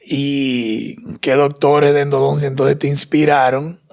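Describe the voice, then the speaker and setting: A podcast host from the Dominican Republic speaks with a heavily gravelly voice. The questions come at an unhurried, slow pace, with brief encouraging replies in between. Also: mid-range voice, little pitch movement, a little mellow. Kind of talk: podcast interview.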